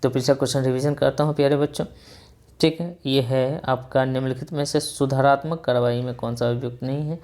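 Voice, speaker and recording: A man teaching an exam revision lesson in a mellow, soft-toned voice. He repeats every point patiently and keeps checking in with his students as he goes through each question. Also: mid-range voice, steady tone, brisk. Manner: repetitive, keeps saying "ठीक है" and addressing students affectionately.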